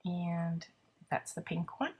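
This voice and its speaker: Congested from a cold, a woman narrates her card-making in a casual craft video, chattily thinking aloud with lots of ums and teasing herself about the mess she's making. Her voice is fairly low, slightly rough, and she takes her time.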